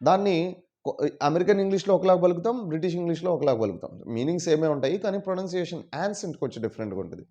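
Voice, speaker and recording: A man teaching English in a casual video lesson, explaining patiently and repeating words slowly. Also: fairly high pitch, expressive, mellow. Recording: dull lo-fi sound.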